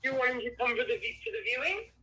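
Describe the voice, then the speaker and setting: A woman's voice: high-pitched, sing-song, quick pace, pushed and bright, husky, rough recording. A woman heard over a phone speaker, answering a call in a polite, helpful way. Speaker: office staff answering a call. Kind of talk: casual phone conversation.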